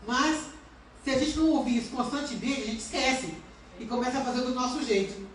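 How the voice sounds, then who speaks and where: With a high voice and a brisk delivery, a woman pastor gives an earnest sermon full of rhetorical questions for her congregation. The church recording is distant, with heavy reverb and slight background noise.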